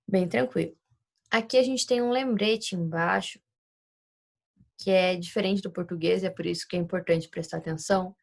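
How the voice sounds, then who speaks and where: A woman's voice: lowish voice, fairly even intonation, normal speed, vocal fry. A woman teaching Spanish in a recorded class lesson, explaining patiently and checking often that the students follow along. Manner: explains patiently, checks understanding with tag questions.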